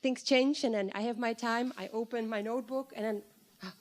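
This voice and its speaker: A woman's voice: a little high, fairly even intonation, a little fast. A woman in the audience who works in consulting, asking a thoughtful, searching question.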